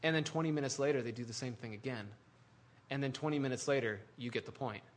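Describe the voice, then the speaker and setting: A male pastor preaching a sermon in an animated, conversational way, full of restarts and asides. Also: mid-range voice, fast.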